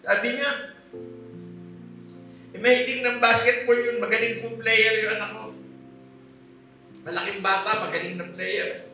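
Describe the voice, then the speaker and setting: Man, high voice, middle-aged, emotional church testimony, distant and echoey with music behind. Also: fairly even intonation, unhurried, long pauses. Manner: earnest, emotional storytelling, addresses listeners politely. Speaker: testimony speaker. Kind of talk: religious testimony to a congregation. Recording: echoey hall with music, from far off. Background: soft instrumental music.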